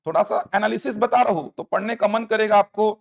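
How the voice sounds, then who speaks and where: A man's voice: high-pitched, brisk, creaky. A man lecturing a coaching class on an exam syllabus, explaining topics and checking that students follow.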